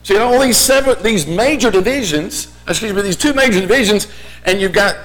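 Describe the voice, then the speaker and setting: A man's voice: high-pitched, lively intonation, fairly quick, a bit bright, poor audio. A man preaching a sermon as a teacher would, explaining point by point and posing rhetorical questions. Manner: explanatory, rhetorical questions in imagined listeners' voices.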